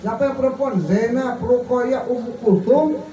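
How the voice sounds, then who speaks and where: At a normal speed, a man preaches in a large, echoing room at a gathering, leaving words hanging for the crowd to complete. His questions rise high and soft. The recording is dull and echoey from a far-off mic, with faint hiss.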